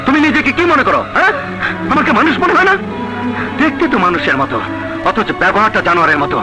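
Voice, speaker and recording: An indignant, proud male servant in a melodramatic film. He lectures forcefully in a high-pitched, fast-moving voice. Music plays clearly behind him. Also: huge pitch swings, rough recording. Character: indignant, proud servant man lecturing his arrogant mistress. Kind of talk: melodramatic Bangla film acting.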